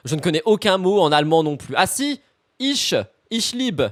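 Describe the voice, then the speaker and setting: A man's voice: high-pitched, lively intonation, moderate pace. A man hosting a casual live stream, reacting to celebrity news with campy, teasing, theatrical outbursts.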